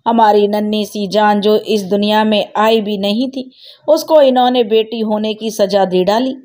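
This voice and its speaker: Read-aloud story: woman voicing a furious young husband, loud and accusing. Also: medium pitch, fairly even intonation, close to an everyday voice. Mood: anguished. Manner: shouting, accusing, fast bursts. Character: furious grieving young husband, son confronting mother.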